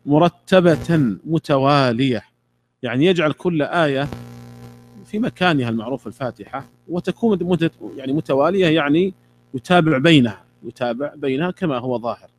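A middle-aged man, teaching a classroom lesson on a religious text. He repeats key words and pauses for replies from students. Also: fairly high pitch, expressive, a little hiss or hum.

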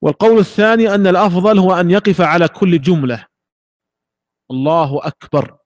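A man giving a religious jurisprudence lesson in a measured, explanatory way, sometimes demonstrating recitation. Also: sits high, no echo, muffled recording. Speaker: Islamic jurisprudence teacher.

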